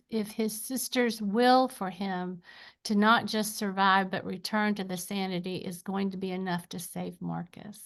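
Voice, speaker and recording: A woman with an Appalachian twang moderating a literary panel, folksy and quick to laugh. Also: medium pitch.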